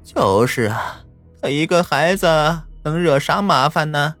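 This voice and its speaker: A man voicing a kindly, unworried grandmother in an audio story, speaking slowly and soothingly. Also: on the high side, animated, a bit bright, dry recording, faint music behind, voice pushed up. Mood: reassuring. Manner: slow, soothing.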